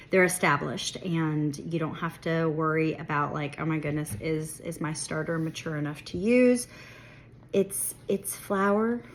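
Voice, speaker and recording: A young woman chats through her bread-baking in her home kitchen, self-deprecating and reassuring in a casual tutorial style, her voice congested and sniffly. It sits on the low side and is a bit bright, in a rough recording.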